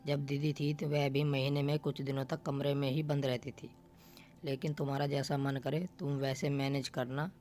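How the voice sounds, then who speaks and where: A man's voice: medium pitch, little pitch movement, normal speed, a little mellow, close to an everyday voice. A man voicing an evasive young husband in a storybook reading, brushing off the problem. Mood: dismissive. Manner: dismissive.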